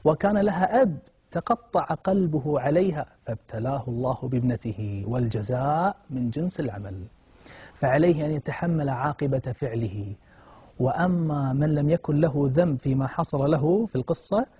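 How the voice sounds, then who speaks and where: Husky, dark-voiced man preaching. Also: medium pitch. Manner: dramatic, impassioned, swelling in emotional moments. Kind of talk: moralizing sermon storytelling.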